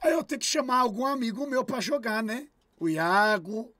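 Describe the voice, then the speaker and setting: A man's voice: very high-pitched, expressive, moderate pace, bright, forceful tone, no echo, soft background music. A man streaming live, ranting at his chat with irritated sarcasm and heavy swearing.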